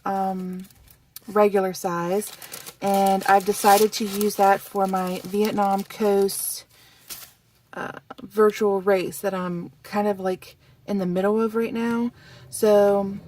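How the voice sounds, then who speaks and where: A woman chatting casually and a little winded as she shows off new stationery in a friendly vlog. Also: mid-range voice. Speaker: stationery vlogger. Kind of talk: casual show-and-tell chat. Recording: voice a bit distant from the mic.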